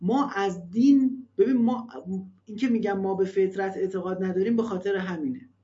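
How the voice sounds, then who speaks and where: A man's voice: sits high, warm tone. Man, religious family counselor, emphatic advice talk, rhetorical questions, dull lo-fi recording.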